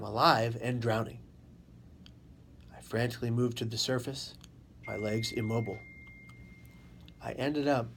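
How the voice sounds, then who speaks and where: A man telling his own story as an interview guest, in deliberate, dramatic short phrases that he repeats for emphasis. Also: medium pitch. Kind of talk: personal testimony in an interview. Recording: faint background noise.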